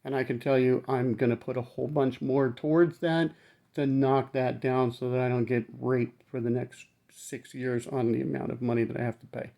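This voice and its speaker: Male vlogger, mid-pitched, numb-mouthed after dental work; blunt, rambling, casual delivery with frequent swearing. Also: level tone, moderate pace, gravelly, dark tone. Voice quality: numb-mouthed speech from temporary teeth after surgery. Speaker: vlogger recounting his dental surgery. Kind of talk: casual talk to camera.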